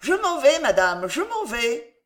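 A woman voicing an excitable, fawning young gentleman who pleads theatrically. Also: on the high side, measured pace.

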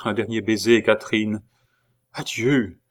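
A man's voice: lowish voice, fairly even intonation, a little slow. A man reading the part of an earnest, duty-bound young nobleman, speaking with urgency in a storybook reading. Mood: urgent.

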